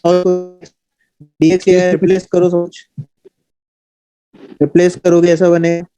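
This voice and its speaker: A man's voice: sits high, monotone, unhurried, dark tone, smooth, no room sound, faint music behind. A male math teacher coaxing students through an online class, his voice breaking up and cutting out over a bad connection. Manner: coaxing, pushes students to work along. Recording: lo-fi, dull online call audio.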